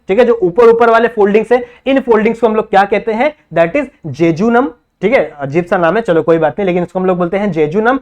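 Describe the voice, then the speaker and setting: A man tutoring biology, drawing a diagram and repeating each term back as a question, checking in with students often. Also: high-pitched. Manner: checks in often with "thik hai". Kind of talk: whiteboard lecture in Hindi-English mix.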